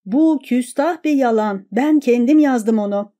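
A man's voice: very high voice, measured pace, warm tone. Brief: woman doing a proud, quarrelsome male lawyer who accuses sharply, storybook reading. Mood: angry.

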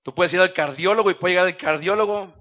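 A man preaching a fervent evangelical sermon, swinging between hushed speech and impassioned shouting, with frequent cries of hallelujah. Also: high-pitched, quick pace, lo-fi sound.

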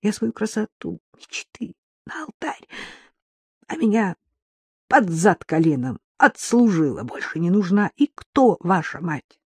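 A woman plays a drunk middle-aged mother in a storybook reading, her speech slurred and self-pitying. The voice leaps high and low, lisping and cooing, then wailing. The recording is dry and close. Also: very animated, unhurried, breathy edge, dry recording, heavily acted. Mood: bitter tirade. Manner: lisping baby talk turning to wailing.

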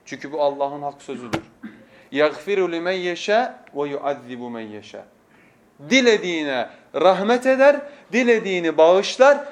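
A man preaching from a pulpit microphone, teaching with passion and moving from hushed tones to emphatic oaths, with quick scriptural recitation. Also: a little high. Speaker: preacher teaching a lesson series. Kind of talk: sermon lecture.

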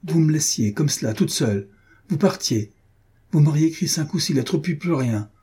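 A man's voice: fairly high pitch, expressive, normal speed, mellow, slightly rough, voice pushed up. A man reading an audiobook, voicing a wounded, furious woman who reproaches her lover with impassioned, ironic pleading. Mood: indignant. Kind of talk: audiobook reading of a classic novel.

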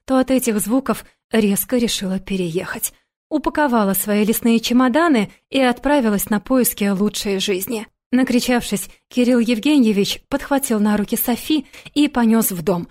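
A woman narrating a first-person audiobook in a gentle, soft-spoken way. Her voice is mellow and warm, pitched in an ordinary middle range.

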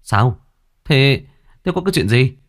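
A man voicing a gruff, foul-mouthed old village man who scolds bluntly in a spoken ghost story. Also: mid-range voice, lively intonation, a little slow, pitched above the performer's own voice, natural voice. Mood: puzzled.

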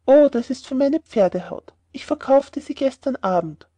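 Woman reading a sly poor young peasant in a storybook, fairly high, dry close sound. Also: lively intonation, moderate pace, dark tone, dry recording. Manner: sly, plainly spoken.

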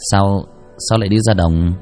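A man's voice: low voice, fairly even intonation, moderate pace, darkish tone, faint music behind, close to an everyday voice. A man voicing a worried middle-aged village father, firing off plain questions. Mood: alarmed.

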